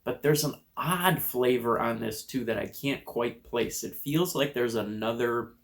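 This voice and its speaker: Chewing and crunching chips between comments, an American man calmly describes the food in a casual on-camera review. He speaks in a mid-range voice.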